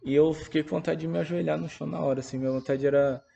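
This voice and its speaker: A Brazilian Portuguese-speaking man giving a halting, earnest and reflective spoken testimony about a personal religious experience. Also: on the high side, steady tone, gravelly, mellow, slight background noise. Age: adult parent.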